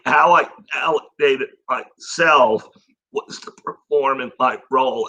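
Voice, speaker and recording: A man who is a guest on a podcast, talking about leadership in a reflective, measured way. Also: mid-range voice, bright, forceful tone, poor audio. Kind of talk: casual podcast conversation.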